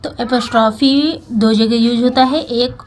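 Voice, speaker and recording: A woman teaching English through a short story, going slowly and patiently word by word with frequent pauses. Her voice sits a little high. A faint noise hangs behind her. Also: fairly even intonation. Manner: slow, patient word-by-word explaining with many pauses and fillers. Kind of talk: Hindi-language English lesson reading a story.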